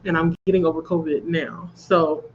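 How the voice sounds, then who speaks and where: At home, a woman congested from a cold hosts a reading livestream, chatting casually and laughing at her own jokes. Her low-pitched voice has fairly even intonation and a normal speed. The highs are cut off, and there is slight background noise.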